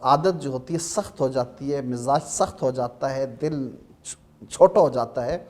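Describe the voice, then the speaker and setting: A man with a Pakistani Urdu accent, a religious scholar giving an emphatic, sermon-like talk on a Ramadan TV program, reciting verses slowly. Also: mid-range voice, darkish tone.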